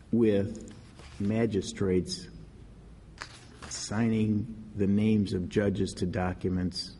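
A man speaking as a judge, putting halting, deliberate questions to a lawyer in court. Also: on the low side, gravelly, mellow. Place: large courtroom. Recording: reverberant hall, faint noise.

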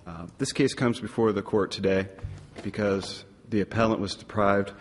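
A man speaking as an appellate lawyer, delivering a formal but somewhat halting oral argument in court. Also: lowish voice, steady tone, soft background music. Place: large courtroom. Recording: reverberant courtroom.

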